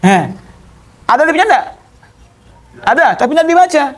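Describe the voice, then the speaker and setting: A fairly quick, very animated man with an extremely high voice lectures a class on grammar. Key terms come up again and again as he works through each step and asks whether his students are following.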